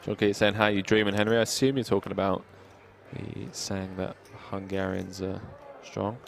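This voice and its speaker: A man's voice: lowish voice, level tone, moderate pace, creaky, a crowd in the background. A man co-commentating a live poker stream, bantering and reading viewer chat aloud.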